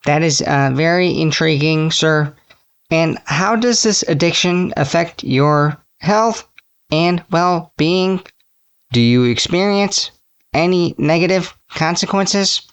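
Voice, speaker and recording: A synthetic robot voice playing a formal alien researcher who asks polite, slow questions about human habits. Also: mid-range voice, clear, resonant tone. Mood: formal curious.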